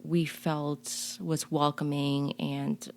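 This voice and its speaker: As an interview guest, a community leader speaks earnestly and reflectively, often restarting her sentences. She was born in a refugee camp on the Cambodia-Thailand border and raised in Chicago. Her deep voice is level and very slow, with slight background noise.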